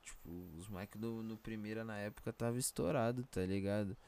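A man's voice: lowish voice, steady tone, a little fast, a loud crowd. A young man with a Brazilian Portuguese accent telling anecdotes in casual, slangy chat full of verbal tags. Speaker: rapper, podcast guest.

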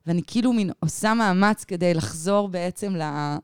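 A woman in her thirties, a podcast guest, telling a personal story in an animated, rambling way full of fillers. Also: on the low side, smooth, no room sound, studio quality. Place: podcast studio.

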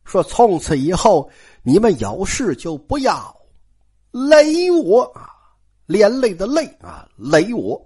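A woman's voice: on the low side, big pitch swings, unhurried, mellow, breathy edge, pitched below the performer's own voice, full character voice. A woman storyteller voicing a proud, stubborn young noble girl in a cold, aloof manner.

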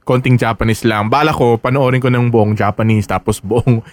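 A man's voice: mid-range voice, moderate pace, dry recording, clean studio sound. A Filipino man co-hosting a podcast, chatting casually and animatedly. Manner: animated, quotes lines in put-on voices. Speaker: podcast co-host. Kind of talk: casual chat.

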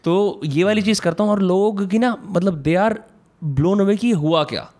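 A man with a slightly raised voice who hosts a relaxed conversation. He speaks reflectively and mixes Hindi and English. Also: sits high, unhurried. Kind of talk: casual conversation.

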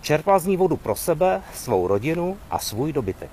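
A man's voice: a little high, sing-song, warm tone, slight background noise, voice pushed up. A man reading the lines of a skeptical village woman from scripture in a questioning, earnest way.

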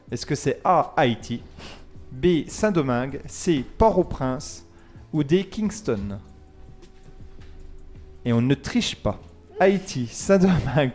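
A man with a somewhat high voice runs a casual quiz segment on the radio. He reads each question and its lettered answers, counts down from three, then chats loosely with his co-hosts about the results. Soft music plays faintly behind him. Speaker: quiz host.

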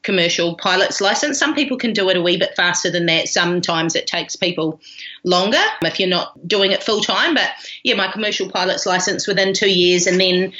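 A woman's voice: on the low side, fairly quick, pushed and bright, lo-fi sound. A woman from New Zealand with a broad Kiwi accent, telling her story casually as an interview guest. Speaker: podcast guest, pilot and former rugby player.

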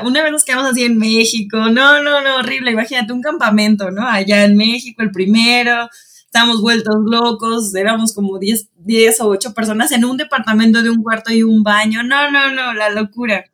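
A young woman in casual chat, animated, laughing often and acting out quoted lines. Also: fairly high pitch, fairly quick.

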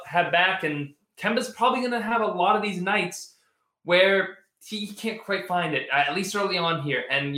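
Bright-voiced male sports host talking live. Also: on the high side, echoey room. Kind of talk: live post-game commentary, answering chat.

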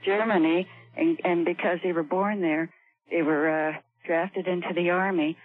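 An older woman calling in to a radio show over the phone, speaking softly and hesitantly. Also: on the low side, steady tone, moderate pace, no echo. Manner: soft-spoken, hesitant. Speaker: caller. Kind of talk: call-in radio talk. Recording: tinny phone line, dry.

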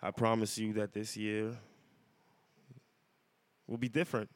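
A man with a lowish, smooth voice, recorded close and dry. He talks casually as a podcast guest in a wrestler's interview. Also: level tone, slow pace, no room sound. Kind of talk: casual bilingual interview chat.

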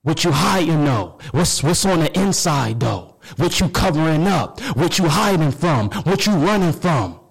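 A man's voice: on the high side, sing-song, measured pace, gravelly, few pauses, husky, poor audio. A man who stutters, giving a personal motivational talk, repeating words and restarting phrases with a constant "you know what I mean".

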